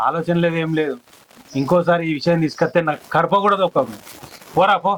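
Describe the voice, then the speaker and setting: An actor playing a bitter elder brother who harshly refuses to help, in a Telangana Telugu accent. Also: male voice, on the high side, fast, fairly bright tone, slight background noise, lightly acted, rough recording. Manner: harsh, dismissive.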